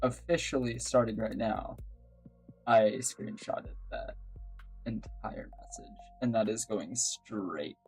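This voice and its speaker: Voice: mid-range voice, slow, darkish tone, faint music behind. A livestream radio host chatting casually with viewers, rambling, giggling often and apologizing a lot.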